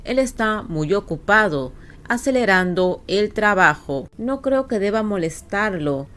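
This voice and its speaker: A woman voicing a respectful male bodyguard who speaks low to persuade. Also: expressive, unhurried, fairly bright tone. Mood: anxious. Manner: low, coaxing. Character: respectful worried bodyguard man.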